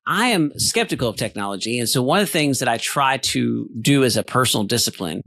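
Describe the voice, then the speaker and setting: Fast-talking gravelly male podcast host. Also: mid-range voice, lively intonation, sharp tone, no echo. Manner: thoughtful, rambling with fillers. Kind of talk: casual podcast chat.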